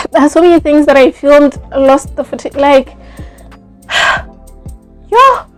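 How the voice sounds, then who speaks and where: A young woman, telling a personal story in a casual, animated vlog, full of fillers like "like" and "yo". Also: sits high, takes it slowly, faint music behind. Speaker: vlogger.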